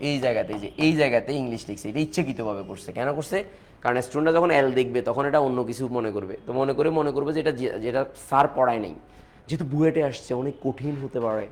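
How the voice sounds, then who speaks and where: A man with a Bangladeshi accent teaching a chemistry lecture, repeating key points and mixing in English phrases. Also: medium pitch. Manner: fast, repetitive teaching talk with English mixed in.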